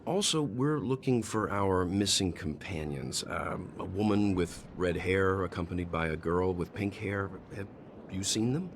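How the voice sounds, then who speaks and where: In this video game voice acting, a deep-voiced man plays a composed, thoughtful, mature investigator-traveller. His mood is grave and measured, his delivery deliberate with formal phrasing, and there's a little hiss or hum.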